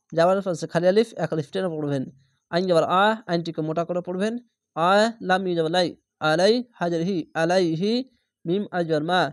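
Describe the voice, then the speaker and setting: Male Quran tutor, dry close sound, letter-by-letter spelling, slow drawn-out recitation. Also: high voice, no echo. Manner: spells letters then draws out the whole word slowly. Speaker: Quran reading teacher.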